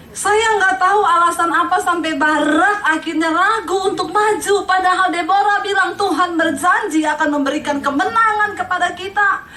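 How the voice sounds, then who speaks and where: A woman pastor preaches a humorous sermon, acting out the people in her stories. Her voice sits high. The sound is roomy, picked up from a distance in an echoey hall. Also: a little hiss or hum. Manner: animated storytelling with quoted voices and laughter.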